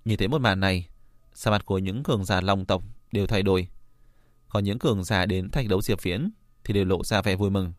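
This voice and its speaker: A male audiobook narrator reads a fantasy tale in a steady, even storytelling manner. His voice sits low. The recording is dry and close, with no room echo. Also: a little fast. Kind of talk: scripted narration.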